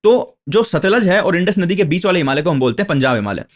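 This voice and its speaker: Male coaching teacher, fairly high voice, patient step-by-step explainer who repeats key terms. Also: very animated. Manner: explains step by step, repeats key terms, asks and answers his own questions; slow, deliberate when reading English textbook lines aloud. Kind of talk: exam coaching lecture.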